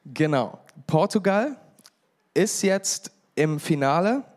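A man's voice: fairly high pitch, animated, slow, darkish tone. A pastor in his thirties from England giving a conversational sermon, joking with the congregation now and then. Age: 30s.

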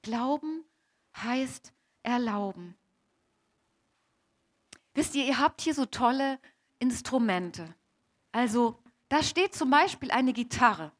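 Woman preaching as young mary, high voice, takes her time, repeats stuff for emphasis, talks right to the church crowd. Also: lively intonation. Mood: earnest. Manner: slow, emphatic, repeats key phrases, speaks to audience directly. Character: young Mary, devout, awed, addressing listeners. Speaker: preacher in character. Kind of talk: first-person dramatic sermon monologue.

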